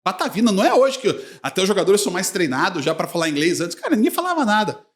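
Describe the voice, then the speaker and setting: Animated storytelling man, high lively voice. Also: fast. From Brazil. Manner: animated anecdote-telling, laughs often. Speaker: podcast guest, sports journalist. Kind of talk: casual storytelling chat.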